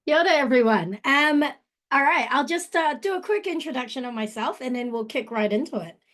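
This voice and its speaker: A woman's voice: high-pitched, a little fast. Malaysian-born woman presenting a webinar. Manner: relaxed, many fillers, mixes in te reo Māori phrases. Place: home in Auckland. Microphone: video call.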